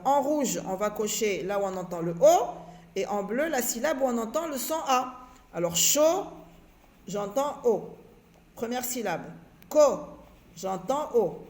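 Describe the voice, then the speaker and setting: A woman's voice: on the high side, expressive, normal speed, darkish tone. A woman teacher patiently walking young children through a reading exercise, repeating and stretching out words syllable by syllable. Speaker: primary school teacher. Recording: echoey room.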